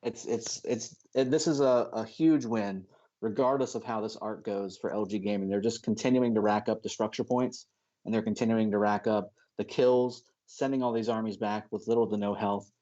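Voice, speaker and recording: A man's voice: lowish voice, steady tone, moderate pace, warm tone, highs cut off. A man casting an esports match with chatty, analytical commentary. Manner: chatty, analytical, laughs easily. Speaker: esports caster.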